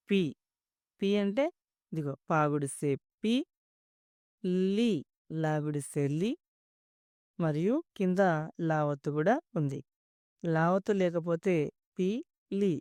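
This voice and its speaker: Patient teacher, smooth warm voice. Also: mid-range voice, no room sound. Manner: patient, spells words out syllable by syllable; asks children questions and praises answers. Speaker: primary school teacher. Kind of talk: reading lesson for young children.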